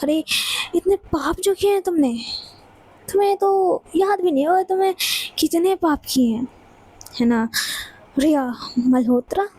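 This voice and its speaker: A cold, bossy young woman with a grudge, speaking in short sarcastic commands and veiled threats. The voice is high but dark and mellow, as a woman acts her out, recorded dry and close. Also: a little slow, long pauses, dry recording, rough recording. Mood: menacing.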